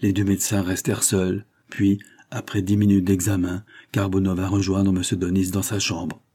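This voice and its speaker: Man reading an old novel aloud, dark husky low voice, measured and dramatic. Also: flat delivery. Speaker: audiobook narrator.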